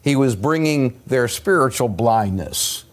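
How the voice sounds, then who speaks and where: An older pastor from the U.S. gives a sermon, captured by a pulpit microphone in the sanctuary. Earnest and emphatic, he speaks at medium pitch with expressive pauses and rising stresses.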